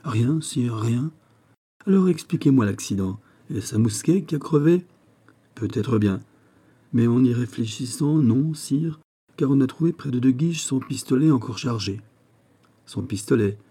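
A man reading a classic novel aloud as an audiobook narrator, shading the dialogue with small shifts of pitch and level but no full character voices. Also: animated, unhurried, dark tone, breathy edge.

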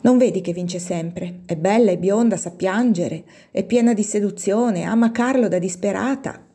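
A woman reading the part of an affectionate young woman who speaks softly and gently. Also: mid-range voice, moderate pace, breathy edge. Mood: tender. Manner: soft, hushed.

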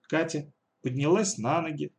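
A man narrating an audiobook with a fairly high voice. He reads with lively expression, shifting into the characters' voices as needed. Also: normal speed, gravelly. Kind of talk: audiobook reading.

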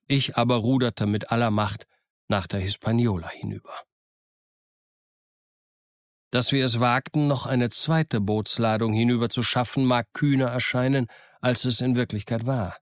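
A man narrating an adventure audiobook in a steady, measured reading. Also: medium pitch, no room sound, clean studio sound. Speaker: audiobook reader. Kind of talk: scripted narration.

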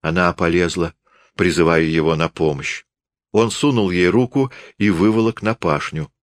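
A man reading a novel aloud as an audiobook narrator, in an expressive storytelling manner. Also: deep voice, normal speed, dry recording, clean studio sound. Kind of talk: scripted literary narration.

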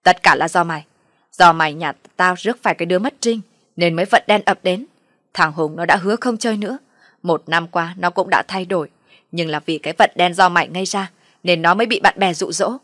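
A woman voicing a bitter older mother-in-law who loudly blames and scolds. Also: a little fast, no room sound, studio quality. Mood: accusing. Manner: shrill loud scolding, accusing.

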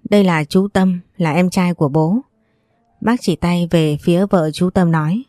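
A woman's voice: on the low side, steady tone, moderate pace, warm tone, no echo, studio quality, soft background music, lightly acted. A woman voicing a stern, protective older man who speaks firmly and scolds his relatives. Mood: gentle. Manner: firm, scolding.

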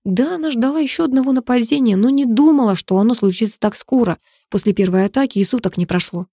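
Woman reading a crime audiobook, mellow voice, dry close sound. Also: fairly high pitch, quick pace, no room sound. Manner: steady, dramatic storytelling. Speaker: audiobook narrator. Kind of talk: scripted narration.

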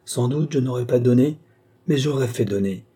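A man's voice: mid-range voice, moderate pace, warm tone, husky, natural voice. A man voicing a scheming, pious noblewoman who pleads emotionally, as in a read-aloud storybook. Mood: pleading.

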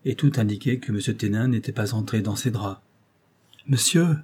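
A man reading a novel aloud with steady narration. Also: fairly low pitch, fairly quick, slightly rough. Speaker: audiobook reader.

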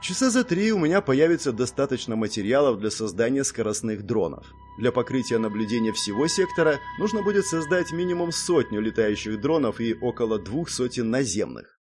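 A man narrating a first-person audiobook. His delivery is steady and matter-of-fact, and his pitch moves in a lively way. Now and then he drops in a wry aside. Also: fairly quick, few pauses, soft background music.

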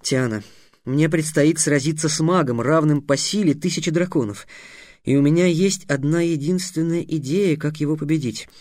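A man's voice: a little high, moderate pace, darkish tone, no room sound, studio quality, close to an everyday voice. A man voicing a stern, clever teenage squire who lectures curtly. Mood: quiet thoughtful. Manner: curt, lecturing.

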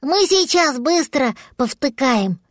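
A woman voicing a small, trusting boy dragon in a storybook reading, speaking with slow childlike earnestness. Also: high-pitched, lively intonation, no echo, studio quality, voice pushed up.

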